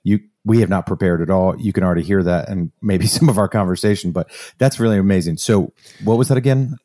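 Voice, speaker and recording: A man co-hosting a podcast in casual chat, speaking reflectively and haltingly, with frequent restarts. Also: low-pitched, dark tone, no echo, studio quality. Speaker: podcast co-host.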